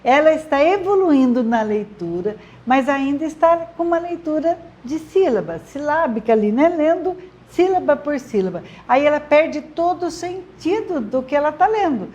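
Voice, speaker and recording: A woman's voice: sits high, lively intonation, normal speed. A woman who teaches literacy, giving parents encouraging step-by-step tips and often checking in with "tá?" and "né?". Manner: warm, encouraging, lots of "tá?" and "né?" check-ins. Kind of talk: friendly instructional talk to camera.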